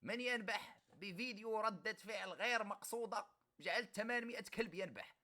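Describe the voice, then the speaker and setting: A man's voice: high voice, brisk, sharp tone. A man from Egypt with an Egyptian Arabic accent, streaming live and reading out comments with mocking sarcasm.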